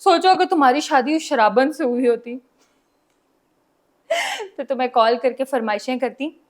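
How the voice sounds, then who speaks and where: A teasing young elder sister voiced by a woman, mocking and giggly, with a high bright voice. She sounds a little far from the mic. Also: normal speed, close to an everyday voice. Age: young adult. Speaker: medical student sister.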